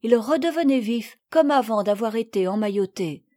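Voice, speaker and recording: A woman's voice: on the high side, lively intonation, moderate pace, mellow, no echo, studio quality. A woman reading a classic children's novel aloud as narrator, giving each girl a voice of her own. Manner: reads with distinct voices for several girls. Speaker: audiobook reader. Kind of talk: scripted narration.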